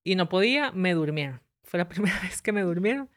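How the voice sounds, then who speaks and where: A woman's voice: lowish voice, expressive, fairly quick. A young adult woman, a podcast guest, telling a personal story in conversation, earnest and step by step. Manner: earnest, tells events step by step and acts out the dialogue.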